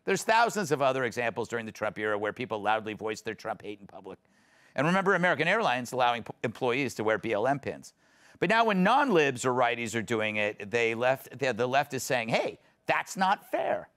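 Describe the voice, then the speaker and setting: A man's voice: medium pitch, very animated, fairly quick, a bit bright. Sardonic male talk show host. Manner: sardonic, teasing. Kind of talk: comedic panel talk.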